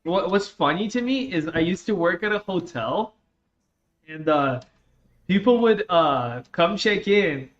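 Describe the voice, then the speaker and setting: A man streams a game and chats casually in slang with his viewers, his high voice animated but a little slow. He carries a slight Russian accent, having come to the U.S. from Russia at eleven. The lo-fi mic sounds dull, with faint noise.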